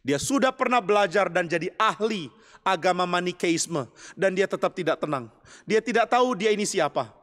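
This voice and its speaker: Man, pastor, high voice, storytelling sermon, long hall reverb. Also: expressive, moderate pace, fairly bright tone. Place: chapel.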